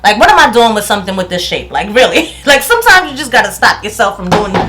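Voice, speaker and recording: Against a noisy background, a New York-accented beauty vlogger in her thirties talks through a product review indoors at home. Her medium-pitched voice is very animated and quick, and she chats freely, laughing often and restarting when words escape her.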